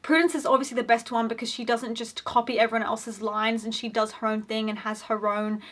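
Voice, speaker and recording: A woman's voice: on the high side, fairly even intonation, a little fast, fairly bright tone. A young woman giving an opinionated, casual commentary on a TV series, talking in a chatty way with lots of "like" fillers. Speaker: video essayist.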